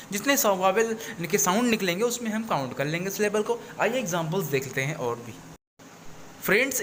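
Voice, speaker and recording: A male teacher walks through a video lesson. His voice sits a little high and he repeats points patiently. A faint hiss runs under the recording. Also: a bit bright. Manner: explanatory, repeats points, mixes English phrases into Hindi. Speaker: English teacher.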